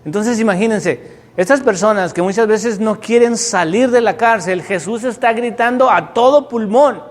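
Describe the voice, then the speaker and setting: High-voiced preacher in a hall. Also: male voice, moderate pace. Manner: storytelling preacher, rising to emphatic peaks, asks the congregation questions. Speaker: pastor. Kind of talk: sermon.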